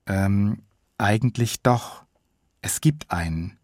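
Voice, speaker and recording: A man reading his own audiobook in the first person as an earnest, guilty young boy, calm in his storytelling. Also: lowish voice, takes it slowly, no echo, studio quality.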